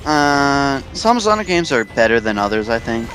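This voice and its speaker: A man's voice: medium pitch, very animated, fairly bright tone, faint music behind. A man chatting casually as a co-commentator on a gameplay video, talking in stops and starts. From Canada. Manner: halting, talks in stops and starts. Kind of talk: casual gaming chat.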